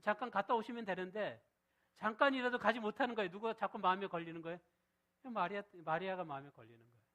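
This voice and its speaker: A middle-aged man preaching a sermon as pastor, often asking the congregation a question and answering it himself, moving between loud stressed phrases and soft, low reading of scripture. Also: fast, poor audio.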